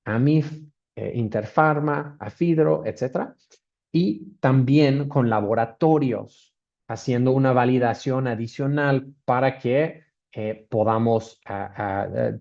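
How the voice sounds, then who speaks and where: Giving a webinar presentation over a video call, a man with an Australian accent speaks in a mellow, fairly dark, medium-pitched voice. He hesitates a lot, using fillers and restarting phrases, and the audio sounds dull and muffled.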